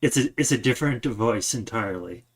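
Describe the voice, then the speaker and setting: A man's voice: medium pitch, lively intonation, brisk, a crowd in the background. A man narrating a tabletop game as game master, describing scenes and often restarting his sentences.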